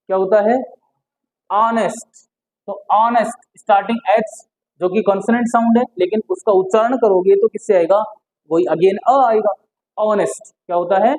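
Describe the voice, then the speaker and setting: A teacher giving a lesson, who keeps asking a question and answering it at once and repeats key words slowly. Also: mid-range voice, a little mellow, rough recording. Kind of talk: explanatory lesson.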